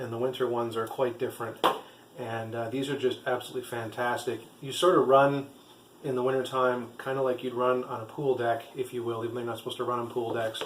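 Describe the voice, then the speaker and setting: Man, casual review in an echoey room. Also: medium pitch. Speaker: vlogger and trail runner. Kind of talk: casual product review to camera. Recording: echoey room with faint background noise.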